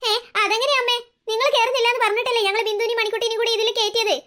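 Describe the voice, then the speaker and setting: A steady middle-aged cartoon father reassures his family and lectures them in a quick, bright voice. A woman acts him out. He sounds even and unshaken. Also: very high voice. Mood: steady reassuring. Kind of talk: cartoon story voice acting.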